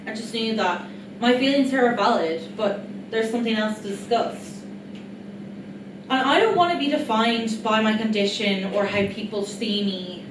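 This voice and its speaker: A woman giving a rehearsed reading of an autobiographical stage monologue, speaking earnestly and reflectively, straight to her audience. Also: medium pitch. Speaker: writer-performer of an autobiographical solo play. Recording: echoey, distant mic, noisy room.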